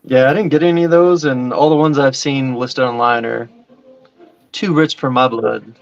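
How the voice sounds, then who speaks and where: A man's voice: mid-range voice, steady tone, normal speed, vocal fry, muffled recording. A man co-hosting a casual fan podcast, making wry jokes as he chats. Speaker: podcast co-host.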